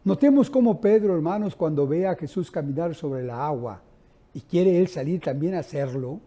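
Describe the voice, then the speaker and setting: A man preaching an evening church sermon, speaking with passion to the congregation as brethren, swelling and dropping in loudness as he tells stories. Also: fairly high pitch, animated, moderate pace.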